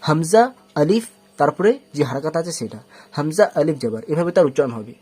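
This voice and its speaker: A man's voice: on the high side, animated, a little mellow, husky. Patient man teaching step by step. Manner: patient, repeats rules slowly and often, asks and answers its own questions. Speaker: Quran reading teacher. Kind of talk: step-by-step spoken lesson.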